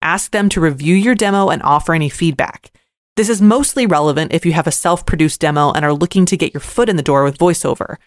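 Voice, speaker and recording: A woman's voice: low voice, fast, no echo, clean studio sound. A woman hosting a podcast, giving scripted advice in an upbeat, tidy, organized way. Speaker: podcast host and voice actor.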